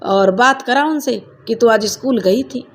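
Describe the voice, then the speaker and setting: A woman's voice: fairly high pitch, unhurried. A woman voicing a cold, scheming mother-in-law who speaks in curt, demanding lines.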